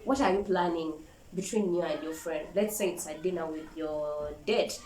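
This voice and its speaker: A woman vlogger giving an animated, playful motivational talk to camera. She acts out other people's voices and calls the viewer darling. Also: deep voice, normal speed. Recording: echoey room with background noise.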